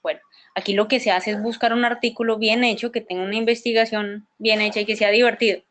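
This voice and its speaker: A woman's voice: fairly high pitch, fairly even intonation, fast talker, a bit bright. A woman giving a conference presentation, explaining ideas step by step, often restarting and repeating words, and checking in with tag questions. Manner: asks listeners for agreement with tag questions.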